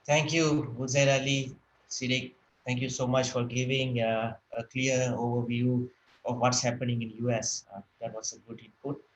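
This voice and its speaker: A man's voice: medium pitch, level tone, normal speed, roomy sound, a little hiss or hum, low-quality recording. A man moderating an online conference, thanking speakers and introducing the next one politely.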